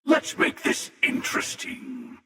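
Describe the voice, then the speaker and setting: A male actor voices a cynical, menacing, world-weary interdimensional hunter for video game lines, his gravelly, creaky voice fairly bright in tone. He sounds wry and taunting, slow and sardonic. The recording has cavernous reverb, making him sound distant.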